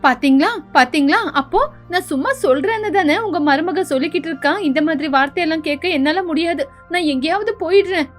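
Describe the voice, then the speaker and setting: A woman voicing a bossy, nagging older mother-in-law who scolds sarcastically in an animated story. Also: high-pitched, fast, faint music behind, natural voice. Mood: indignant. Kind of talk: storybook voice acting.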